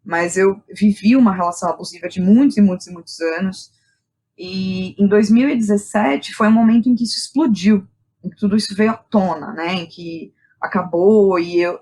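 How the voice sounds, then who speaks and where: On a podcast, a Brazilian woman who works as a playwright and director tells personal stories in a relaxed, frank way, packed with slang and tag questions. Her voice is lowish and slightly mellow, and the recording quality is low.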